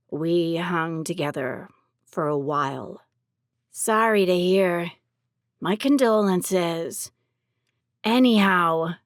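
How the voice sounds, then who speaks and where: A woman voicing rough, foul-mouthed women bounty hunters in an audio drama, talking in crude street slang. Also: fairly low pitch, dry recording, studio quality. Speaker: voice actor for three women characters. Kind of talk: audiobook character dialogue.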